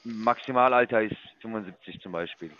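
A man's voice: fairly low pitch, brisk, pushed and bright, highs cut off. A man working as an investment sales caller, lecturing and condescending as he walks a customer through a sign-up. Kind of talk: phone sales call.

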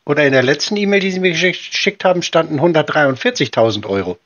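A man in an informal phone conversation, blunt and insistent, often repeating himself, with a husky voice. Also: on the high side, expressive, fast talker, fairly bright tone. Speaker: prank caller baiting scammers. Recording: slightly dull, lo-fi call audio.

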